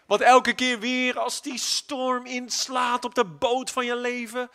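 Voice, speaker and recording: High bright-voiced guy preaching, goes soft and slow then loud and punchy, throws in english bits. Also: little pitch movement, creaky, clear, resonant tone. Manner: swings from hushed, drawn-out phrases to loud emphatic declarations; slips in occasional English phrases. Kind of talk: sermon.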